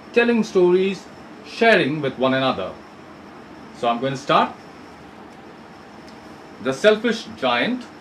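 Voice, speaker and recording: A male English teacher leads an online class and reads a textbook story aloud. He speaks slowly, with a fairly high voice and a lively, swinging pitch. He keeps asking his students questions and rephrases each point. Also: slight background noise, low-quality recording. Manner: asks students questions, repeats and rephrases for clarity.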